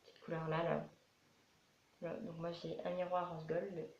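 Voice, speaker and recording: In a casual FAQ vlog, a twelve-year-old girl from France answers questions unhurriedly, rambling and repeating herself. Her low-leaning voice is monotone. A roomy echo, faint noise and dull sound mark the recording.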